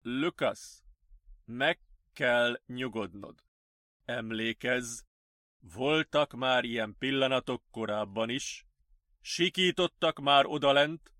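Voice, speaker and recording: A man voicing a calm male psychiatrist who speaks slowly and firmly, in an audiobook. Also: mid-range voice, no room sound, studio quality, lightly acted. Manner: slow, soothing and firm. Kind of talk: audiobook character voice.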